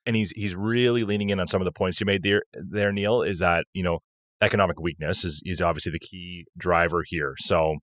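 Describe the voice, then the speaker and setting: Deep-voiced canadian guy cohosting, laid back with lots of ums, dry close sound. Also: a little fast, dry recording. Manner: relaxed, with many fillers and frequent agreement. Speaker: podcast co-host. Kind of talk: casual chat.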